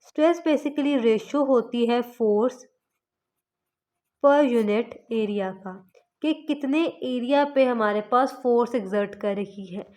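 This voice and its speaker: A woman physics teacher from Pakistan giving a lecture, explaining step by step and slowing down to spell out formulas. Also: on the high side, a little mellow. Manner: explains step by step, mixing English terms into Urdu.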